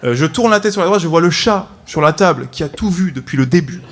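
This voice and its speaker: A man's voice: a little high, expressive, fast talker, fairly bright tone. A man in his twenties performing a stand-up comedy routine, telling a story with frequent "ok?" asides to the audience. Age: 20s. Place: comedy stage before a live audience.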